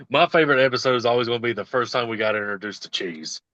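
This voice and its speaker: A man's voice: mid-range voice, quick pace, pushed and bright, no room sound, lo-fi sound. A man with a Southern US accent co-hosting a casual podcast chat, laughing often and tripping over names. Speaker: podcast co-host.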